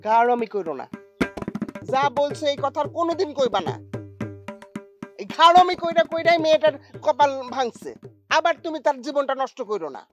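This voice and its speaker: An indignant older wife who scolds her husband, high and lively in pitch. She speaks broad dialect over faint background music in a TV drama. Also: moderate pace, long pauses. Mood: scolding. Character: exasperated older wife, sharp-tongued. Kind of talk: TV drama acting.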